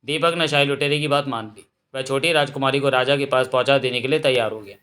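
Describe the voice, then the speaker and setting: Bright-voiced male novel reader. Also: medium pitch, fast talker. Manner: steady storytelling, rare slips corrected aloud. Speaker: narrator. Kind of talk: reading a novel aloud.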